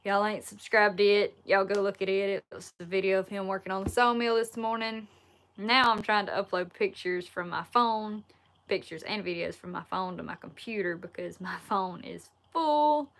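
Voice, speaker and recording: Speaking at medium pitch and normal speed, an outdoors YouTuber in her twenties answers live chat questions. Her Southern Alabama accent and folksy, relaxed manner come through from a wood-paneled room, recorded on a laptop or phone camera at arm's length.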